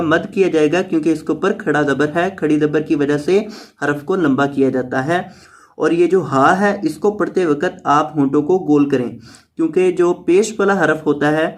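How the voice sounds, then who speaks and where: Fairly high-pitched man teaching tajweed. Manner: patient, repeats each word slowly, then explains quickly. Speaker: Quran teacher. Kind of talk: word-by-word tajweed lesson.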